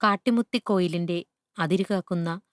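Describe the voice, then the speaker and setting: A woman narrating a literary short story in a measured, deliberate reading voice. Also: lowish voice, dry recording, clean studio sound.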